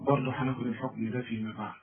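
A man's voice: medium pitch, little pitch movement, echoey room. Egyptian man teaching Quran recitation. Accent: Egyptian Arabic. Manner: drawn-out chanted recitation between quick explanations; coaxing, checks with the listener. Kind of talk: tajweed lesson with recited examples. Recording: thin phone-like sound from a distance.

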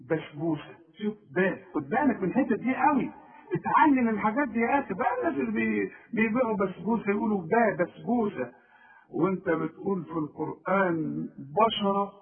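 Egyptian male teacher, high voice, drills examples and quizzes the listener, phone-thin sound. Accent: Egyptian Arabic. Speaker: Quran recitation teacher. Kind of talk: informal spoken lesson. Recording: tinny phone-like recording.

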